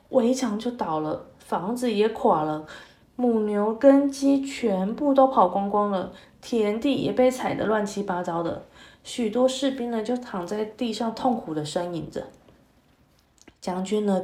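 Woman storyteller for kids, gentle sing-song read-aloud, mellow voice, echoey room. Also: medium pitch. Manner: gentle, sing-song, many soft fillers. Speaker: storyteller for children.

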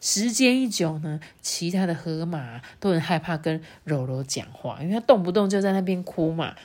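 A woman reading a picture book aloud to children, lively and playful, with chatty asides. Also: on the low side, normal speed. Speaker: storyteller.

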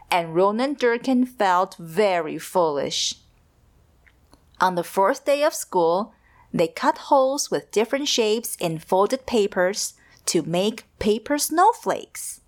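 A woman reads a picture book aloud at an unhurried pace. Her voice rises and falls freely, and her manner is gentle and expressive, as if for young listeners. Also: medium pitch. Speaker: storyteller.

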